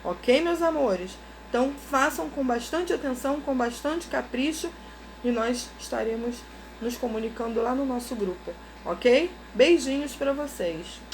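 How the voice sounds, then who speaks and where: A high-voiced woman teacher, talking slowly and patiently through a recorded lesson for her pupils. She explains step by step and keeps checking in with "ok?", with a faint hum of room noise behind her. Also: expressive, darkish tone. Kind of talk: recorded remote lesson for schoolchildren.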